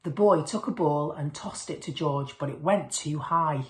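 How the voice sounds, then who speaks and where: A woman reads a picture book for children aloud, speaking at normal speed in a low voice. She voices the dialogue and sound words expressively, storyteller style, while the room gives off an echo.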